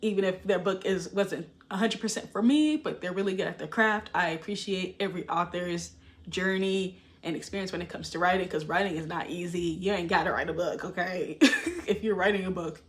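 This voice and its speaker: A woman's voice: lowish voice, fairly quick. Chatty woman vlogging about books. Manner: chatty, emphatic, with laughs and filler words. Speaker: book vlogger. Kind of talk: casual chat to camera.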